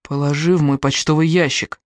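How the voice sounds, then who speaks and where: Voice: mid-range voice, steady tone, brisk, no room sound, lightly acted. A reader doing a terrified teenage girl, voice shaking. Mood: frightened. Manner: trembling, hushed pleading. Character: frightened teenage girl hiding at home.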